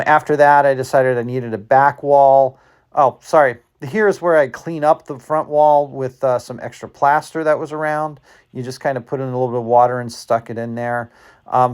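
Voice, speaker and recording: A man's voice: mid-range voice, clean tone. A man giving a casual, rambling voice-over commentary as he explains his hobby model-making step by step. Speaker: hobby model-maker narrating tutorial.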